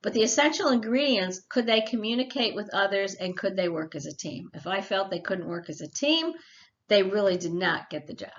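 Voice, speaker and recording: A woman's voice: mid-range voice, lively intonation, brisk, lo-fi sound. A middle-aged woman giving a recorded college lecture in a chatty, practical way, with personal stories and asides. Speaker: college instructor.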